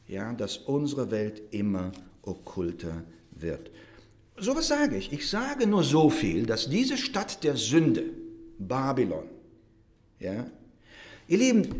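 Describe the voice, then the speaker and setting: Animated preacher man with lively pitch. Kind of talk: sermon.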